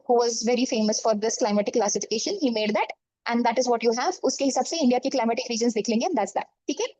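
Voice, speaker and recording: Fast, high-voiced North Indian woman teaching. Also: mellow, dry recording, muffled recording. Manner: explanatory, often checking with okay and right. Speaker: geography teacher for exam coaching. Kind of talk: informal online lesson, switching between English and Hindi. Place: online class over screen share.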